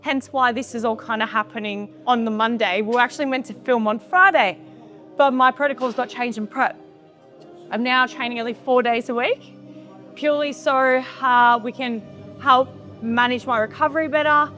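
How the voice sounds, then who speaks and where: A woman in bodybuilding prep talks casually on the gym floor in a very high, sharply bright voice. She swears freely and cheers her partner through sets. Faint music plays in the background. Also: steady tone, moderate pace. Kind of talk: casual gym chat and spotting.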